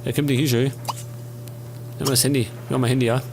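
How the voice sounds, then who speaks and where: A man's voice: medium pitch, steady tone, rapid-fire, vocal fry, a little mellow, a little hiss or hum. A man with a Bavarian accent casually commenting on a life-sim game as a let's play host, chatting and grumbling at the characters.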